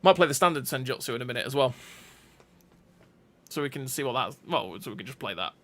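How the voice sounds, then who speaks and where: A man's voice: medium pitch, very animated, a bit bright. A man giving casual gameplay commentary, chatty and thinking aloud as he plays. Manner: chatty, thinks aloud with restarts and quick reactions.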